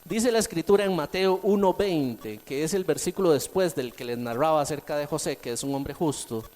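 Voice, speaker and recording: A man preaching a sermon, swinging between emphatic and soft delivery and repeating key phrases for emphasis. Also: fairly high pitch, moderate pace.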